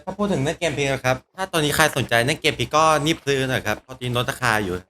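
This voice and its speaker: A man's voice: mid-range voice, lively intonation, very fast, pushed and bright. A man co-hosting a podcast in casual chat, adding information as he goes. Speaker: podcast co-host. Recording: clear background noise.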